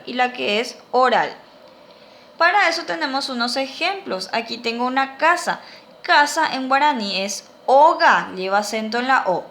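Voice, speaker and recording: A middle-aged woman, teaching a language lesson to children, speaking slowly and carefully and repeating words for pupils to echo. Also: on the high side, fairly bright tone.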